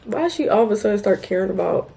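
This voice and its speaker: A young woman with a gravelly touch of fry reads her old writing aloud. She breaks off into playful, amused asides in a casual tone. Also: medium pitch, animated, fast, warm tone. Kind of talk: casual read-aloud with commentary.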